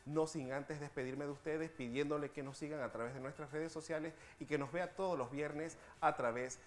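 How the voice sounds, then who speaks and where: A man hosting a TV language segment, patiently explaining spelling rules and slowing down to spell out examples. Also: on the high side, steady tone.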